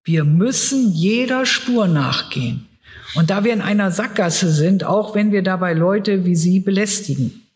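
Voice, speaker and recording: A man's voice: high voice, lively intonation, measured pace. A man reading aloud as a sly blond police officer who coolly pressures a woman. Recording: reverberant hall.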